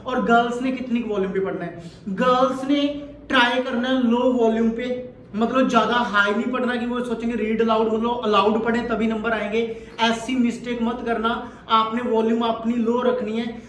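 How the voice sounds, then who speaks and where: A man giving a direct, instructive exam-coaching lesson, repeating his points as he explains. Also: very high voice. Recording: echoey room with faint ambience.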